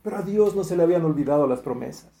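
A man preaching a sermon, retelling a Bible story in a lively way and acting out the quoted speech, with frequent fillers and restarts. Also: on the high side, rapid-fire, gravelly, reverberant.

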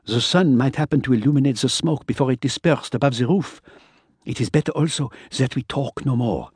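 A man's voice: mid-range voice, fairly quick, darkish tone, slightly rough, dry recording, studio quality, pitched above the performer's own voice, close to an everyday voice. A man voicing a fussy, gloomy man who fears germs and speaks in formal, precise wording. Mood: cautious. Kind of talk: audiobook character voice.

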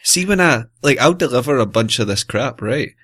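Husky Glaswegian man chatting on a podcast. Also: medium pitch, lively intonation, moderate pace, a bit bright. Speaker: podcast co-host. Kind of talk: casual ranting chat and anecdotes.

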